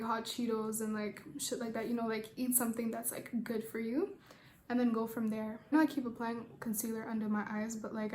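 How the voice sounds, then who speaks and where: Her voice bouncing around an echoey room above a faint hiss, a young beauty vlogger from Rwanda chats while doing her makeup and fielding questions. She sounds somewhat high, flat and even, relaxed and rambling, dropping fillers and the occasional swear word.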